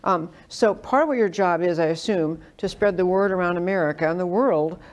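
A woman from New York with a fairly low voice, hosting an interview. She talks conversationally and at length, offering her own opinions as she sets up questions. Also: fairly quick, darkish tone, lo-fi sound. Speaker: interview host.

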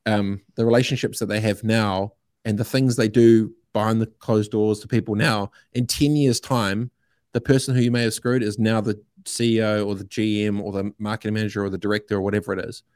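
A middle-aged New Zealand man appears as a podcast guest, giving his opinions casually and emphatically with lots of slang and swearing. His lowish voice is steady, brisk, and darkish in tone, captured as clean studio sound with no room echo.

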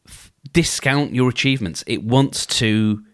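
On his own advice podcast, the host talks in an unhurried, medium-pitched voice, musing aloud and voicing imagined inner conversations. He's conversational throughout, often starting sentences over and dropping in fillers.

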